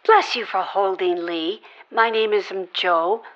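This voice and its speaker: A woman's voice: mid-range voice, unhurried, over music, lightly acted. A woman playing an overly eager church call-center agent with syrupy, salesy patter in a radio play. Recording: dull lo-fi sound.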